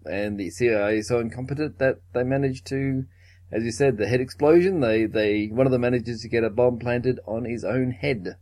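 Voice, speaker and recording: A man's voice: mid-range voice, moderate pace, a little mellow. A man co-hosting a podcast, casually retelling a film's plot with occasional chuckles. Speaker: podcast co-host. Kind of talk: casual film recap chat.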